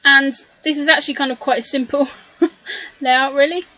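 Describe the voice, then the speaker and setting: In a high, sharp voice with a steady tone and normal speed, a woman narrates her scrapbooking casually, rambling with many ums, asides, and self-corrections. She sounds slightly hoarse, as if losing her voice. She's a scrapbooking video creator, recorded with no room sound.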